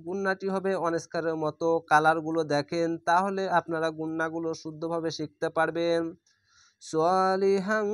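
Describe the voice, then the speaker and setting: A man with a Bangladeshi Bengali accent teaches recitation, spelling each syllable aloud in a slow, drawn-out way. His voice sits fairly high but stays flat and even, with a smooth, clean tone. The sound is close and dry, with no room echo.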